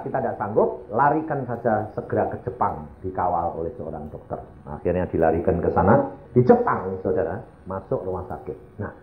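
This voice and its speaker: A male evangelist preaches in an animated storytelling way, his pitch swooping high and low. His voice fills an echoey church hall and comes through thin and phone-like. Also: a little hiss or hum. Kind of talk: sermon storytelling.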